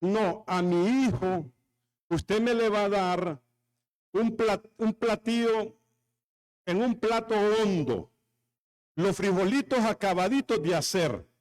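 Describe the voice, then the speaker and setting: A man voicing a fussy, doting older mother-in-law who gives slow, bossy instructions in a sermon joke. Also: mid-range voice, darkish tone, lightly acted.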